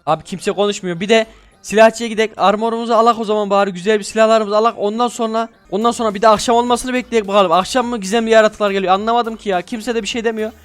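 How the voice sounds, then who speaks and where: A man with a high voice gives excitable, slangy gameplay commentary. He chats to his viewers and barks at the game characters as he goes. Faint music plays underneath. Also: racing. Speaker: gaming YouTuber.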